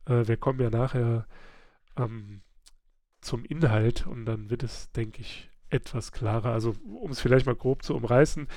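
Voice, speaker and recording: A man with a gravelly edge and a mid-range voice hosts a relaxed book club podcast while nursing a slight cold. He chats loosely, laughs often and fills pauses with lots of little hesitation sounds. The recording is dry and close, with no room sound.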